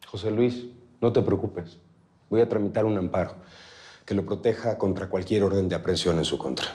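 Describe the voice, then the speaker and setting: TV drama: male actor as calm legal adviser, low-pitched, reassuring and formal. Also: brisk, close to an everyday voice. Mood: measured, assured. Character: composed, reassuring male lawyer. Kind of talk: naturalistic telenovela acting.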